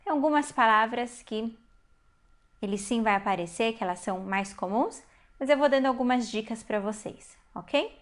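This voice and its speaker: A woman teaching a Hebrew reading lesson, explaining patiently step by step and slowing down to spell out syllables. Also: fairly high pitch. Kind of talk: online language lesson.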